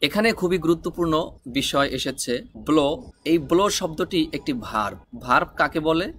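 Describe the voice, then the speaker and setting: A man's voice: fairly high pitch, fairly quick, fairly bright tone, slight background noise. A man teaching a spoken English lesson, explaining patiently and spelling words out letter by letter.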